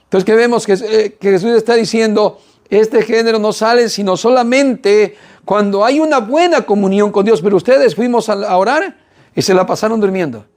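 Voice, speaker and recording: A man's voice: high-pitched, moderate pace, darkish tone. A man preaching a sermon in an earnest way, often putting rhetorical questions to his listeners.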